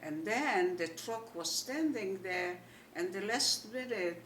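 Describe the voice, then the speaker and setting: An elderly woman from Poland with a Yiddish accent tells her life story in an animated way, retelling remembered dialogue. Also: medium pitch, takes it slowly. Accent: Polish Yiddish. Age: older, 80s. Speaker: Holocaust survivor giving testimony. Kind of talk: oral history storytelling. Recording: echoey room, distant mic, faint noise.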